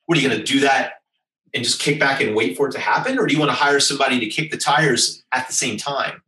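A fast-talking American executive on an interview urges his advice persuasively and emphatically, stringing points together in lists. His mid-range voice is bright and forceful, and because he sits a little back from the mic in a roomy space, the recording sounds distant.

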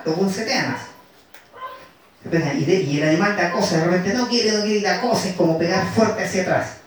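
A man with a fairly high voice preaches a sermon, going back over scripture lines and slowing down to press them home. He sounds set back from the microphone in a strongly echoing hall. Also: a little hiss or hum. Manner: repeats and dwells on scripture lines, slowing for emphasis. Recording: echoey room, voice from far off.

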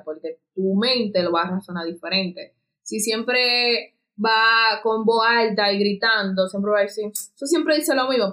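A young woman, co-hosting a casual chat and acting out quoted lines with big jumps in voice. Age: young adult. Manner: animated, acts out quoted speech with big pitch jumps.

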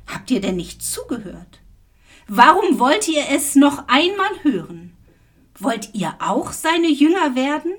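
A woman voicing a man born blind and now healed, read slowly in a Bible reading. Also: sits high, big pitch swings, exaggerated voice. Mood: defiant. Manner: slow, plain reading voice.

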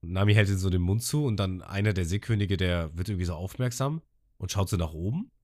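Speaking quickly in a deep voice, a man retells a podcast episode in a relaxed way. He tells it with energy, raising his voice whenever he quotes the characters.

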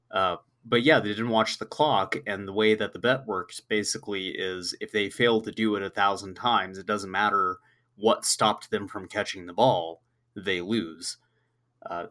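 A man's voice: lowish voice, fairly bright tone. A man who is sick, his voice cracking a little, chatting loosely and jokingly as a podcast co-host, swearing casually. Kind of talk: casual chat recapping an anime episode.

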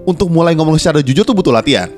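A man's voice: on the high side, racing, over music. A man chatting casually about relationships as a podcast co-host, acting out little quoted exchanges. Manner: animated, acts out quoted dialogue.

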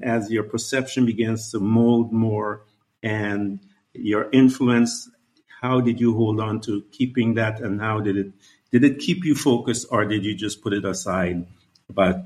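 Male interviewer from Guyana; rambling, searching, conversational questions. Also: medium pitch.

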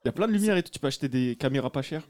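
A man's voice: mid-range voice, lively intonation, very fast, darkish tone. A man telling a rambling anecdote in casual podcast chat. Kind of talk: casual storytelling.

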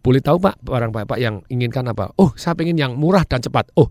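A man's voice: medium pitch, lively intonation, fast talker, a little mellow, dry recording, clean studio sound. A man, a sales trainer guest, talking energetically with frequent laughs and English phrases. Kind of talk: enthusiastic talk-show chat.

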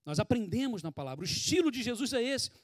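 Sweating as he speaks, a Brazilian man preaches a sermon in an animated, chatty manner, peppering it with rhetorical questions. This pastor's voice is pitched high for a man and moves fast, captured dry and up close with no echo or room sound.

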